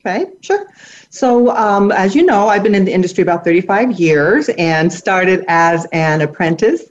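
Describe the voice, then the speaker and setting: A woman's voice: on the low side, normal speed. A middle-aged woman answering as an interview guest, upbeat and laughing lightly as she talks. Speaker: guest, hair educator. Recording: dull lo-fi audio.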